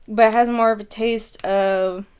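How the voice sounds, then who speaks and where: A woman's voice: a little high, steady tone, a little slow, darkish tone, clear, resonant tone. A woman hosting a casual snack-tasting vlog, rambling as she thinks aloud and corrects herself mid-thought. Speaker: mukbang host reviewing snacks. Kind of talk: casual vlog chat to viewers.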